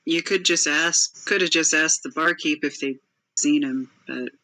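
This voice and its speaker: Tabletop player, bright tone, dry close sound, hesitant. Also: medium pitch, measured pace, dry recording, low-quality recording. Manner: casual, laughing, hesitant. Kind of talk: in-character tabletop play.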